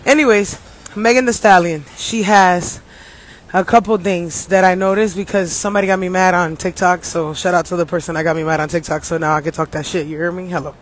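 A man's voice: sits high, steady tone, fairly quick, slight background noise. A man hosting a casual livestream as an astrologer, joking around and putting on a mock announcer voice, talking into his phone.

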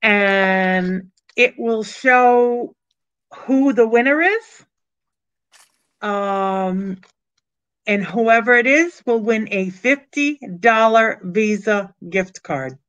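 A woman in her sixties hosts a casual live-stream auction from a small room at home, chatting unhurriedly and thanking viewers by name. Her voice is on the high side, lively, very slow, fairly bright, clear and resonant, coming through dull lo-fi audio from a computer webcam on a video call.

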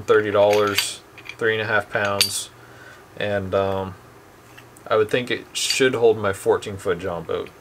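This is a casual product demo: a young man reviews two boat anchors in a dim room at home. He's relaxed and plain-spoken with frequent ums, his voice lowish against a noisy background.

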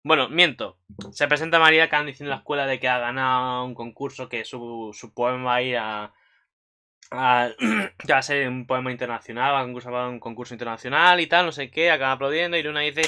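A man's voice: medium pitch, fast, smooth. Rambling guy recapping anime. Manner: rambling, filler-heavy, excitable. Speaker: anime commentary vlogger. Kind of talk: casual episode recap.

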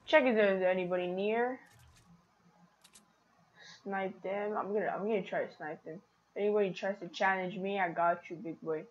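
Female streamer, chatty and excitable, mid-range voice, slightly dull lo-fi mic. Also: medium pitch, normal speed, long pauses. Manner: chatty, excitable, talks to viewers. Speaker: gaming streamer. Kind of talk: casual gameplay commentary.

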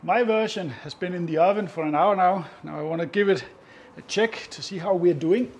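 A man hosting a cooking show, calmly explaining each step as he cooks, often chuckling. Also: high-pitched, brisk, a little hiss or hum. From Northern Europe. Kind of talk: casual cooking demonstration.

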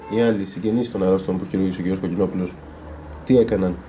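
Calm low-voiced male reporter. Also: soft background music. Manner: calm, formal, measured questions. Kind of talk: news interview questions.

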